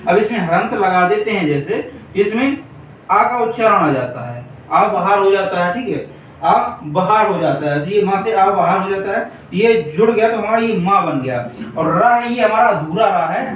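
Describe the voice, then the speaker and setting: A man teaching a Hindi grammar class for exam preparation, repeating points and checking in with his students often. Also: sits high. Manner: repetitive, keeps checking in with the class. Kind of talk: exam-prep grammar lesson at a board. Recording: echoey room, distant mic, faint hiss.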